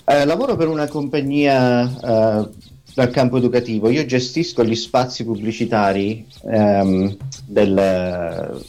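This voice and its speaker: A man's voice: mid-range voice, fairly even intonation, measured pace, dark tone. A man in his forties from Sicily with a slight American accent in his Italian, chatting casually and hesitantly as a call-in guest. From Siracusa, Sicily, Italy. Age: 40s. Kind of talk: casual radio phone conversation.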